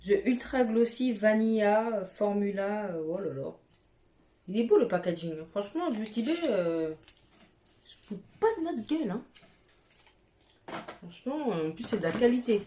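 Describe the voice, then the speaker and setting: A woman's voice: mid-range voice, lively intonation, normal speed, long pauses, mellow. A woman beauty vlogger chatting casually at home, gushing with exclamations and casual swearing. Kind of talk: casual haul chat. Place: at home, with her cat nearby. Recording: echoey room with faint noise.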